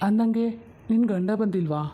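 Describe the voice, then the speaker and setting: A woman's voice: mid-range voice, moderate pace, dark tone, husky, lightly acted. A woman voicing a tired grown son who keeps soothing his mother. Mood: weary. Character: weary grown son and husband, hurt after a fall.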